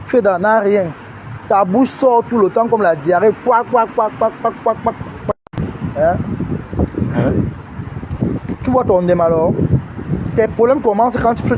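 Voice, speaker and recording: Man, high voice, mocking commentator, scolding and teasing, wind and street noise on the mic. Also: darkish tone. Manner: teasing, scolding, talks straight at the person. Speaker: online commentator. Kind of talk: mocking direct-address commentary.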